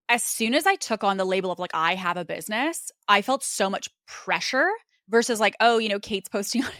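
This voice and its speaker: A podcast host speaks in an earnest, reflective monologue that flows casually, sprinkled with plenty of "like" and "you know." Her mid-range voice has a fairly bright tone, and the recording is dry and studio-clean.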